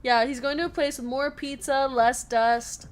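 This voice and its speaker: A woman hosting a live sports card break, chatty and upbeat, reading out names and teams in quick lists and answering viewer comments. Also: high voice, steady tone, clean tone. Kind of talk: casual live-stream chat while opening card packs.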